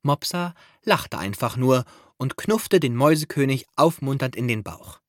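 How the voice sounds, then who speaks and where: A man reading a children's audiobook aloud in an expressive storytelling manner. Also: mid-range voice, moderate pace, dry recording, clean studio sound. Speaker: narrator.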